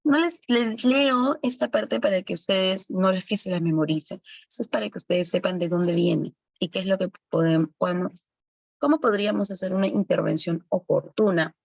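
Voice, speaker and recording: A woman with a mid-range voice, vocal fry, and a breathy edge gives an online lecture to early-education assistants at a moderate pace. She explains as she goes, correcting herself often, in a dry recording with the highs cut off.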